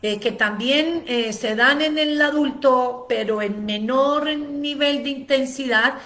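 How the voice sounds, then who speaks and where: A woman with a somewhat high voice delivers a spoken lecture as an educator. She explains patiently, strings together long lists and fills her pauses with "eh". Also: bright, forceful tone. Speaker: ADHD educator giving a seminar.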